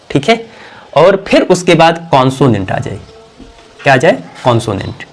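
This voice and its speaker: Male teacher, a bit high-pitched, quizzes and repeats, throat-clearing habit. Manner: asks questions and answers them himself, repeats key words; clears his throat now and then. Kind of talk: classroom grammar lesson.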